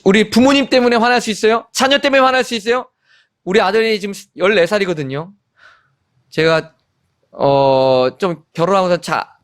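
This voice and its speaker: A man in his forties preaching a sermon in a high, light voice. He moves from raised, emphatic lines to soft, lowered ones and acts out family arguments as he speaks. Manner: animated, acts out family quarrels in quoted lines. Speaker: missionary pastor.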